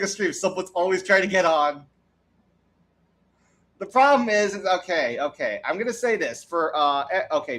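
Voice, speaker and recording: Chatting casually on his livestream, a young streamer from the United States rambles, restarts a lot, and laughs often. His voice is fairly high in pitch and a bit bright.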